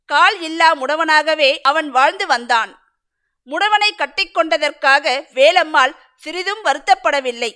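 A woman reading a story aloud in a measured, dramatic narrating manner. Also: high-pitched, pushed and bright.

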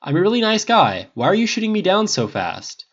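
A man's voice: a little high, sing-song, a little fast, voice pushed up. A man putting on a pushy, flirty agent. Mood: pushy, wheedling. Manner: insistent, wheedling. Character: pushy smooth-talking male agent, persistent and flirty. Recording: dull lo-fi recording.

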